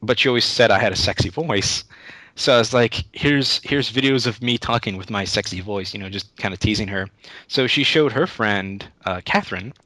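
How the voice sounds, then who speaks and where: A young man who makes YouTube Let's Play videos answers interview questions as a guest, rambling casually and often restarting his sentences. His voice is fairly low, bright, and forceful at a normal speed, in a dry recording.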